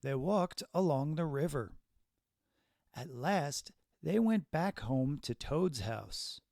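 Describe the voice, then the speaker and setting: Slow, expressive male storybook narrator. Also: on the high side, creaky, dry recording, clean studio sound. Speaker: storyteller reading aloud.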